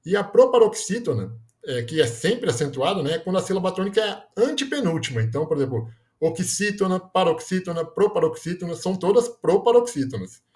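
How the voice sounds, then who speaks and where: In a fairly high, darkish voice, a male teacher walks through grammar points. He often adds "né?" to check understanding and corrects himself partway through words.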